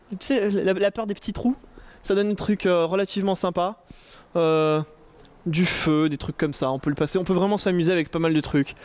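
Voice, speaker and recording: A man's voice: high voice, a little mellow. A man giving a casual, joking conference talk to an audience, chatty with many fillers and restarts. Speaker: conference speaker. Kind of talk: casual tech talk with slides. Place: conference room before an audience.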